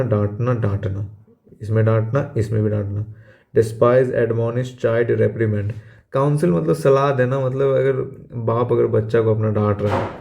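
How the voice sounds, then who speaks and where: A man's voice: medium pitch, vocal fry, warm tone. A man tutoring exam vocabulary in a casual, chatty way, spelling out words letter by letter and repeating their meanings. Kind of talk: casual explaining lesson.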